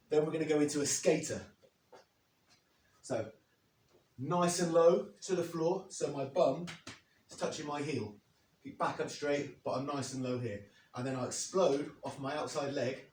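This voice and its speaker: A fitness coach in his thirties, slightly hoarse from having lost his voice, plainly explains and demonstrates leg exercises step by step in an instructional workout demo. His voice is mid-range and a little mellow, recorded from a distance with an echoey quality and slight background noise.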